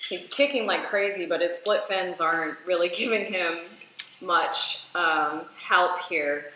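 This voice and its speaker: A woman's voice: lowish voice, measured pace. Woman chatting in a very echoey room. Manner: animated, chatty, explains with laughs. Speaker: scuba diving instructor. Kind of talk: casual reaction commentary. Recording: very echoey room, faint ambience.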